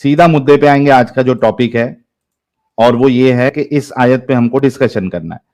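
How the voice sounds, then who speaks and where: A man's voice: mid-range voice, a little mellow. A man from India hosting a live online debate, bossy and mocking as he questions callers. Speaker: debate host.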